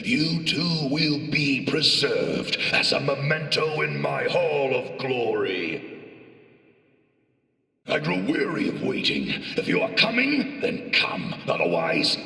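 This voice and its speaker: An actor voicing a pompous, cruel villainous general in a video game, theatrical, sneering and grandiose. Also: male voice, mid-range voice, gravelly, pushed and bright, echoey room, in a large hall, far from the mic, full character voice.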